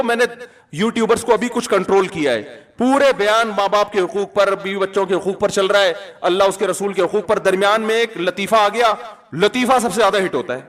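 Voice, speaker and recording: A man's voice: high voice, a bit bright. A man with a Pakistani Urdu accent preaching a sermon in a conversational style, prodding his listeners with rhetorical questions. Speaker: Islamic preacher.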